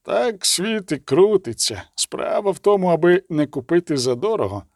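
A man's voice: high-pitched, big pitch swings, moderate pace, no echo. Male reader as a pensive, cynical negotiator in an audiobook; musing delivery, dry recording.

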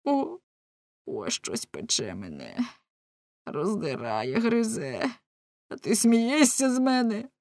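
A woman's voice: lowish voice, measured pace, no echo, studio quality. A woman playing a raging jealous husband. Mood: anguished. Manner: loud, ranting, anguished outbursts. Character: jealous, hot-tempered husband, grown man.

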